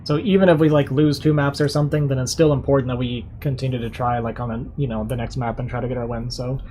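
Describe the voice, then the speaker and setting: Talking at a quick pace, this young male streamer and caster rambles upbeat and filler-heavy in casual livestream chat from his computer, voice tired from so much talking. The tone is medium-pitched, steady, and mellow, with a little hiss or hum.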